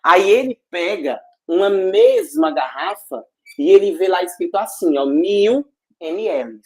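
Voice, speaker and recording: A man teaching a physics class online, energetic and jokey, full of slang and check-ins with the students. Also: sits high, a little slow, vocal fry.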